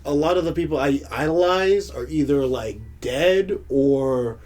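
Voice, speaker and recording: Earnest young man with a slightly high voice. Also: darkish tone. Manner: earnest, halting, many fillers. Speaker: podcast co-host. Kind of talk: casual chat.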